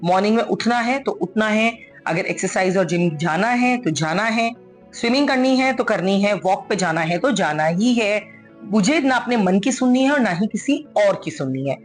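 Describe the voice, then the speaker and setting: Woman, motivational speaker, earnest coaxing delivery, medium pitch, faint music underneath. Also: expressive, normal speed. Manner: earnest and coaxing, mixes English into Hindi. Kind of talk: motivational talk.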